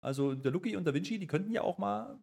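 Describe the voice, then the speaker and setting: A man's voice: high voice, lively intonation, fast, creaky, darkish tone. A man co-hosting a wrestling review podcast, recapping in casual chat and acting out quotes. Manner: chatty recapper, acts out quotes.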